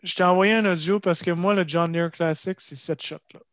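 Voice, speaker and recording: A man's voice: high voice, fairly even intonation, moderate pace, a bit bright, dry recording, clean studio sound. A man with a Québécois accent chatting casually about sports as a podcast co-host.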